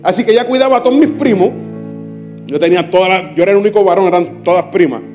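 A man, preaching a personal testimony as lively storytelling with repetition and humor. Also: sits high, quick pace, faint music behind. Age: 40s. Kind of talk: testimony sermon.

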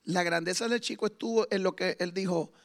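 A man preaching a sermon with fervor, moving from hushed stretches to loud exclamations. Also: sits high, brisk, vocal fry. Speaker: guest preacher.

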